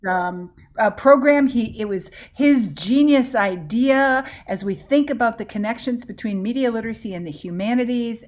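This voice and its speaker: A woman opening a livestreamed webinar, welcoming viewers and introducing the guest with a few fillers. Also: mid-range voice. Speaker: host of a webinar series.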